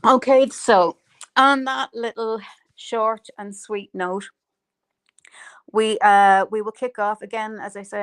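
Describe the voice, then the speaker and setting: Hosting a relaxed live stream chat, this woman speaks at a medium pitch with a fairly bright, smooth tone. She's chatty and peppers everything with ums and laughter.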